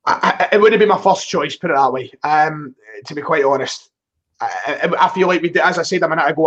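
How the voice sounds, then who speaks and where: On a live stream, a male football fan guest speaks in a broad Glaswegian Scottish accent, chatting about football in a loose, rambling way and frequently stumbling over repeated words at the start. His voice is a little high, and the sound is lo-fi.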